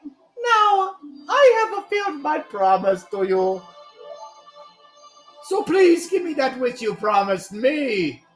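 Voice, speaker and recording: Eerie game merchant, man acting: high, slow, melodramatic, pleading, music underneath. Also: big pitch swings, a bit bright, reverberant, heavily acted, low-quality recording. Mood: grand, mysterious. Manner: melodramatic, swinging from solemn to shrieking. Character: eerie, theatrical mask salesman, pleading and frantic. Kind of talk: dramatic read-aloud of video game dialogue.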